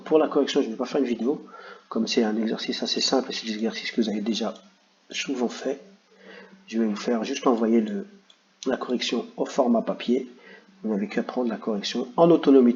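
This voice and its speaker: A man's voice: medium pitch, a little mellow, muffled recording. A man teaching young children, patiently walking them through worksheet exercises and speaking to them directly. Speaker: primary school teacher.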